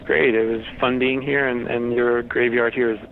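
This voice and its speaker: A man's voice: medium pitch, little pitch movement, normal speed, creaky. A man speaking casually as an interview guest, explaining things in a matter-of-fact way. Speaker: interview guest, horror host website runner. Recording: tinny phone-like line with faint noise.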